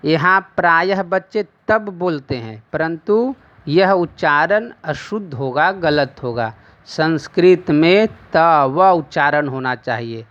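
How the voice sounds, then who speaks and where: A man teaching Sanskrit to children in a lesson, reciting word forms slowly and carefully and explaining how to pronounce them. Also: a little high, lively intonation, a bit bright, muffled recording. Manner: slow, deliberate drilled recitation of word forms; addresses children directly, explaining pronunciation.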